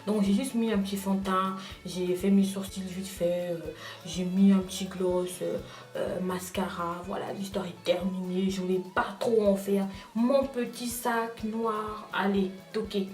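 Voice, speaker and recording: A young woman vlogger telling a personal story in casual chat, talking straight to her viewers in an animated way. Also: medium pitch, a little slow, echoey room, far from the mic, faint music behind. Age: young adult. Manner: animated, addresses viewers directly.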